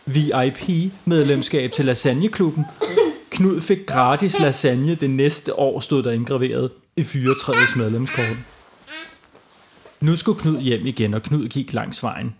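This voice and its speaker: A man improvising a playful children's bedtime story as host, with lively narration. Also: mid-range voice, a little hiss or hum.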